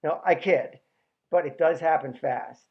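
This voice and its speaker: Wry, deadpan male storyteller. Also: a little high, unhurried, muffled recording. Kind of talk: comic personal storytelling.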